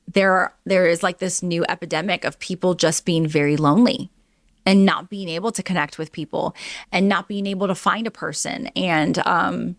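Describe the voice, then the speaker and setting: Here a woman in her early forties runs a one-person podcast, voicing news items and reacting with chatty candor. Her medium-pitched voice is a bit bright, heard in a clean, dry studio recording.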